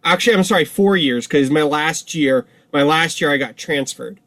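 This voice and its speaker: A man's voice: fairly high pitch, normal speed, fairly bright tone, no echo. A young man hosting a casual podcast, rambling with lots of fillers and laughing often. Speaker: podcast host. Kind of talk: casual chat.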